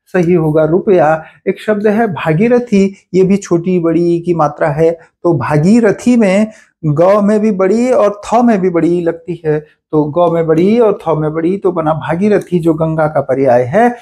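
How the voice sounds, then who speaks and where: A man with an Uttarakhand Hindi accent teaches spelling in a fairly high voice with a warm, mellow tone. He talks in an explanatory way and slows down to repeat each word, setting the correct form against the wrong one. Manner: explanatory, repeats words slowly to contrast spellings. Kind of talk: exam-prep spelling lesson.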